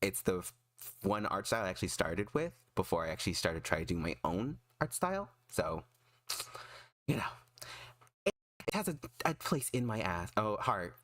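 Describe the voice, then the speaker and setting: A man chatting casually on a livestream in an excitable, emphatic, self-deprecating way. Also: low voice, moderate pace, no room sound. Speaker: streamer and artist.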